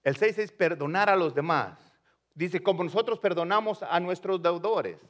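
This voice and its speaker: A male pastor preaches in a relaxed, conversational way. His voice sits a little high, and he moves between two languages as he talks to the congregation. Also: normal speed. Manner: switches between Spanish and English, conversational preaching. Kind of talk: bilingual sermon.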